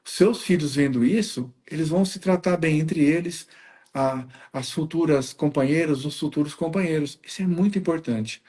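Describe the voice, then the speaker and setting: High-voiced man giving earnest advice. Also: normal speed, a little mellow. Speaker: guest. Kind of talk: faith-based conversation.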